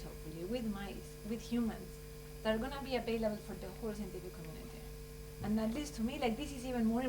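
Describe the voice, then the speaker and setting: A woman from Chile, giving earnest, rambling closing remarks at a conference. She fills her speech with "you know" and "like.". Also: on the high side. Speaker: scientist speaking at a conference. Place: conference room. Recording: distant mic with hum.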